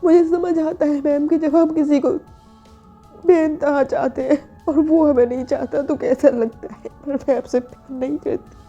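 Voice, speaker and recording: A woman's voice: high-pitched, steady tone, moderate pace, dark tone, voice pushed up. Lady doing a young worker girl begging her boss to believe her, keeps repeating herself, dull audio, faint music. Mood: firm, apologetic. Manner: insistent, repetitive pleading. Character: young woman employee, earnest, pleading with her boss.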